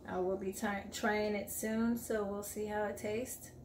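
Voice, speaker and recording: Chatting upbeat to her audience in a casual grocery haul vlog, a woman in her forties films at arm's length in her home kitchen. Her mid-range voice has a level, darkish tone and a slightly slow pace. The kitchen is echoey, with faint room noise.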